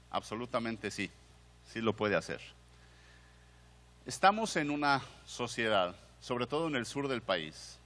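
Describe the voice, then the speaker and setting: Bright-voiced Mexican man lecturing in a hall. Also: medium pitch. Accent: Mexican Spanish. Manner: conversational, asks the audience questions, frequent restarts. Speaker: museum director giving a conference talk. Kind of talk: conference lecture. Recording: long hall reverb.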